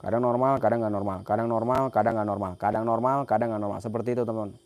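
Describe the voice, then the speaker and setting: A young repair technician from Central Java, Indonesia, gives a casual hands-on tutorial in a workshop, talking as he works and repeating his phrases. His voice is fairly low, steady and a little mellow, and he speaks rapid-fire.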